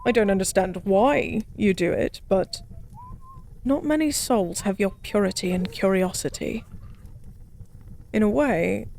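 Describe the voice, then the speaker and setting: In a soft-spoken audio roleplay, a woman voices a lonely, drunk fallen goddess, musing and rambling with weary melancholy. Her voice is mid-range and gravelly.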